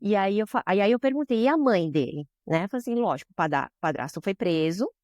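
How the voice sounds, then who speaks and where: A woman's voice: mid-range voice, expressive, fast, darkish tone, dry recording, studio quality. Brazilian woman telling an emotional story. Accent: Brazilian Portuguese. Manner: emotional, frequent tag questions. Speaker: guest, social business director. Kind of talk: storytelling in a podcast interview.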